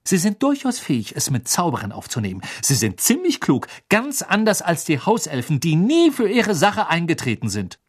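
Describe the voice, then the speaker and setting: A man reading aloud plays a sharp, righteous teenage girl with a high, lively voice that scolds and lectures. The storybook reading swings widely in pitch as she argues. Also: moderate pace, hardly any pauses, husky, heavily acted. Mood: lecturing. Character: clever, indignant teenage girl, the schoolgirl Hermine.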